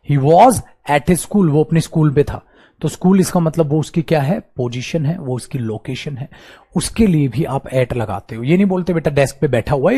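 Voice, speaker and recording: A male grammar teacher with an Indian English accent lectures in a high, lively voice that jumps up and down as he acts out little exchanges. He calls his students "beta" and mixes Hindi and English as he teaches. His voice sits above the usual range for a man. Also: slightly rough. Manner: animated, acts out student replies and little dialogues. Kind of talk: online coaching class lecture.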